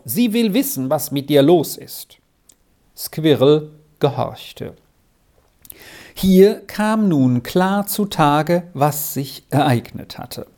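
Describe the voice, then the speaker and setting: An audiobook narrator reading a children's novel with expressive, unhurried storytelling. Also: medium pitch.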